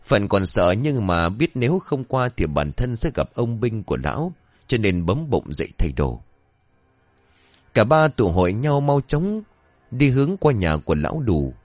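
A man tells a horror-comedy story in a low voice full of lively rises and falls. The recording is dry and close. Soft music plays underneath. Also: measured pace, no echo. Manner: expressive storytelling.

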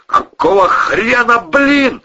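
A man's voice: extremely high pitch, slow, bright, forceful tone, highs cut off, pitched above the performer's own voice, heavily acted. A man reading aloud, voicing a tough, hot-tempered young racketeer who barks rude slang. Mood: angry.

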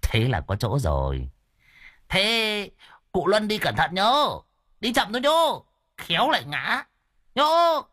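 A man's voice: sing-song, measured pace, fairly bright tone, husky, full character voice. A man voicing a mischievous old village man, teasing and cackling in a raised voice. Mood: playful. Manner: cackling, teasing, high-pitched.

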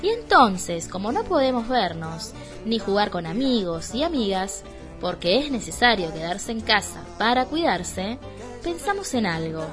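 A woman's voice: medium pitch, unhurried. Argentine lady announcing a kids' radio show, bouncy voice, music playing under it. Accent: Argentine Spanish. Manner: warm, lively announcing for children. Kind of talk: radio program introduction. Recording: voice over loud music.

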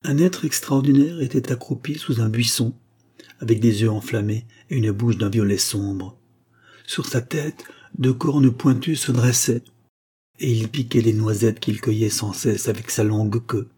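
A man narrating a classic literary tale in a measured, calm storytelling manner. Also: mid-range voice, husky. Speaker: audiobook narrator.

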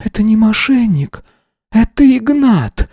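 A man's voice: big pitch swings, measured pace, darkish tone, no room sound, clean studio sound, heavily acted. A man voicing a grieving, furious older wife who shrieks and spits insults at her husband. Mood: defiant. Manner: shrill, hysterical, spiteful.

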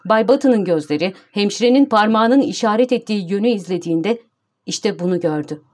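A woman narrates an audiobook at a steady, measured pace. Her voice is mid-pitched and even. She keeps a calm storytelling tone throughout. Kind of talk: scripted narration.

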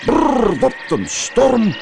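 An absent-minded old professor bursts out in a high, swooping voice, full of breathless wonder, as a man puts him on for a storybook. Every exclamation leaps and tumbles. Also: wildly swooping pitch, slow, noisy background, exaggerated voice. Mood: amazed.

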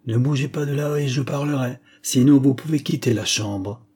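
A man reading an audiobook, voicing a gravely ill male detective who speaks weakly and short of breath yet in a sharp, commanding way. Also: mid-range voice, normal speed, pitched above the performer's own voice, close to an everyday voice. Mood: fierce. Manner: commanding, sharp, abrupt outbursts.

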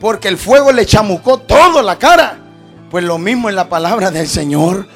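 A man preaching a fiery sermon, often shouting at the peaks and calling his listeners brother. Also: high voice, expressive, moderate pace, soft background music. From Latin America.

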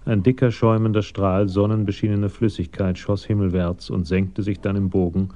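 A man narrating a radio crime drama in a measured, matter-of-fact way, on a slightly dull 1980s broadcast recording. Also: lowish voice, flat delivery, warm tone.

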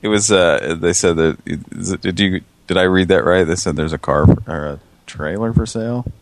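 A man hosting a prank call show, deadpan and hesitant, with many restarts. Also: deep voice, moderate pace. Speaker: host.

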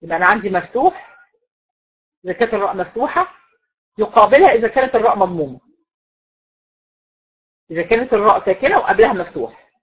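Here a woman with an Egyptian accent teaches a recitation class, her mid-range voice sing-song, a bit bright and breathy, moving quickly but broken by long pauses. Patiently explaining, she asks the class questions and keeps repeating the essential rules. It's a rough recording.

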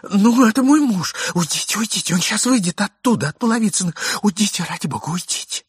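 Man doing a gushing, flustered high-voiced lady. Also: expressive, fast talker, husky, no echo, clean studio sound, exaggerated voice. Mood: alarmed. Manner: breathless, gushing, exclamatory.

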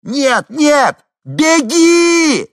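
A woman's voice: high-pitched, sing-song, drawn-out words, dry recording, studio quality, voice pushed up, exaggerated voice. A man voicing a frantic young woman who screams warnings from a helicopter in a story. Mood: desperate shouting. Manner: screaming at full force.

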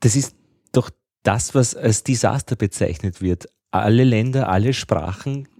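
A man's voice: on the low side, unhurried, creaky, mellow, no echo, studio quality. A man interviewing a guest, asking conversational, probing questions.

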